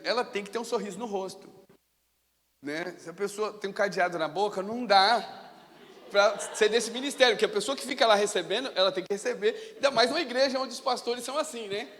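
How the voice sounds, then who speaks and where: Guy preaching, high voice, long church echo, chatty storytelling. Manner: storytelling, animated, casual. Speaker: pastor. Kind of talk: sermon. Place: church sanctuary. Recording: long reverb of a church hall.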